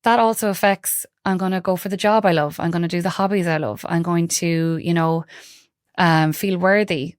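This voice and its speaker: A woman's voice: fairly low pitch, fairly even intonation, normal speed, clear, resonant tone, no echo, clean studio sound. A woman with a west of Ireland accent from Galway, talking informally and reflectively as an interview guest, often saying "like" and "you know". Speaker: podcast guest, holistic heart-healing practitioner. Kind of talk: casual conversational interview.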